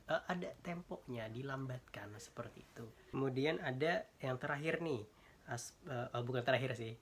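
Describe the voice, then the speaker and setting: Young man, student presenter, casual, hesitant, mid pitch, faint background noise. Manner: casual, hesitant, many fillers and restarts. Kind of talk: informal class presentation.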